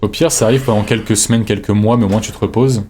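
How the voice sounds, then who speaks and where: A man streaming a game live, thinking aloud in a relaxed, reflective way as he chats with his viewers. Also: lowish voice, fast talker, a little hiss or hum. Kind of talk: live gameplay commentary, chatting with viewers.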